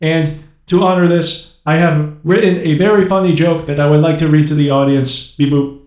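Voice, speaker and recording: A man voicing a deadpan male robot sidekick in a monotone robot voice with beeps and formal, literal phrasing. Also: a little high, normal speed, natural voice. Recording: roomy echo.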